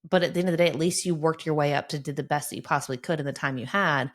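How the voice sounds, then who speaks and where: Woman, middle-aged, deep-toned psychologist guest; earnest, motivating, conversational. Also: very fast. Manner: earnest, encouraging, often adds "right?". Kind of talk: conversational podcast interview.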